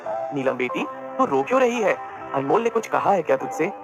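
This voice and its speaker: A man voicing a gentle, caring older mother who talks with soft affection. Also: a little high, very animated, moderate pace, creaky, over music, voice pushed down. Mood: tender.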